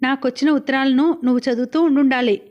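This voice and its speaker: A woman's voice: high voice, steady tone, fast, dull audio, lightly acted. Woman reading as a worried, cautioning lover. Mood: anxious. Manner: anxious and cautioning. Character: worried young woman, the schemer's wary lover. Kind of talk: audiobook character reading.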